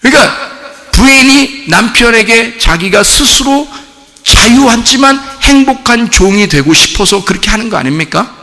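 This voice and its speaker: Animated pastor, gravelly voice, hall echo. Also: male voice, very high voice, normal speed. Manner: animated, acts out voices of spouses in quoted asides. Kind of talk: lively conversational sermon. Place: church sanctuary. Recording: long church hall reverb.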